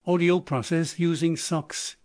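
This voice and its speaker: A man's synthetic text-to-speech voice reading scripted audiobook narration in an even, measured way. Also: fairly high pitch, no echo, studio quality.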